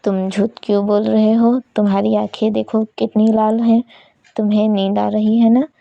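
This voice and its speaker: A woman voicing a gentle, caring older man who soothingly coaxes someone to sleep, in a read-aloud story. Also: medium pitch, flat delivery, moderate pace, gravelly, dry recording, highs cut off, natural voice. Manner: soft, soothing coaxing.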